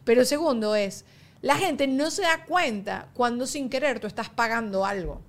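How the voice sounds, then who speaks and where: A woman chatting casually on a podcast, rapid and self-deprecating. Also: fairly high pitch. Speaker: podcast co-host. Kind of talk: casual chat.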